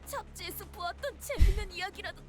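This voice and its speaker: A woman's voice: very high voice, racing, faint music behind. A woman playing an earnest, idealistic young knight-errant heroine in a game, impassioned and archaic in her phrasing. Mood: desperate pleading. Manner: old-fashioned chivalrous phrasing, impassioned. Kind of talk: dramatic game voice acting.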